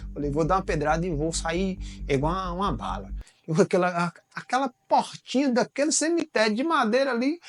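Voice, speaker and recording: A man with a Brazilian accent casually telling a comic story, rambling and halting, with many restarts and repeated words. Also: sits high.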